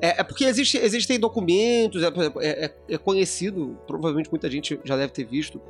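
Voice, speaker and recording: A man's voice: fairly high pitch, lively intonation, fast talker, faint music behind. A man co-hosting a casual podcast discussion, explaining at length with frequent restarts. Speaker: podcast co-host.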